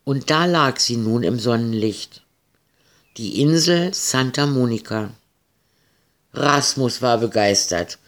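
A man's voice: medium pitch, expressive, slow, pauses often, fairly bright tone. A man narrating a pirate story for children, speaking to young listeners directly.

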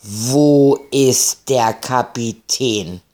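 A man voicing a gruff, hot-tempered male pirate captain who barks loud orders. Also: medium pitch, expressive, slow. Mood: angry.

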